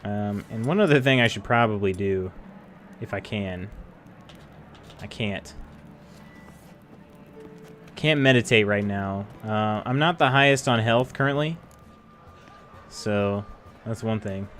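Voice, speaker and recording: A man's voice: lowish voice, slow, long pauses, fairly bright tone, soft background music. A man casually commenting while playing a game on stream, in a laid-back, chuckling manner.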